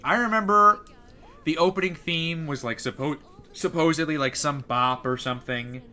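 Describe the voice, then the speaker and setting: A man's voice: on the high side, normal speed, sharp tone. Rambling young male streamer. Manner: rambling, hesitant, many fillers. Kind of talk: casual live-stream chat.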